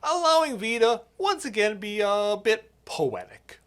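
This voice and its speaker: A man's voice: high-pitched, sing-song, measured pace. A man co-hosting a comedy show, recapping a plot in a mock-earnest, sarcastic way. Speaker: co-host pitching a mock script.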